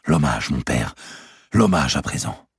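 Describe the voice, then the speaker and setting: A man's voice: very deep voice, very animated, unhurried, gravelly, husky, no room sound, studio quality, exaggerated voice. A man voicing an earnest, protective lord who limps and speaks formally for his father. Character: loyal limping male lord, earnest and protective.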